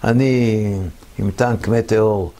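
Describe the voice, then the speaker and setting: A man in his seventies tells his wartime memories in an interview. His low voice is rough and gravelly. He tells it vividly and mimics the people he quotes. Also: fairly even intonation, mellow. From Israel. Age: 70s. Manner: vivid storytelling that acts out the voices of others. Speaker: war veteran interviewee. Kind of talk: recounting war memories in an interview.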